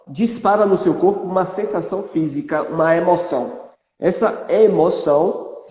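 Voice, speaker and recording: A man's voice: sits high, mellow. A man explaining ideas step by step like a teacher, often checking that listeners understand. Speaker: presenter explaining thought cycles. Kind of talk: explanatory talk with slides. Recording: roomy with long reverb.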